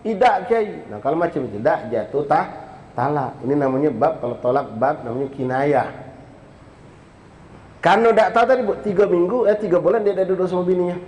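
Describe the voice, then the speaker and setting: A man's voice: a little high, fairly quick, darkish tone. A man preaching a sermon, telling stories and acting out the dialogue in local speech. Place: large mosque. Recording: echoey mosque hall.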